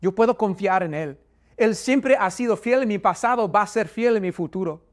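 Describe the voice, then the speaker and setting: Halting man telling a faith testimony. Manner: halting, with frequent repeated words and restarts; voice rises higher and louder when recalling anguish. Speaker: person giving a testimony. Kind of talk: personal religious testimony.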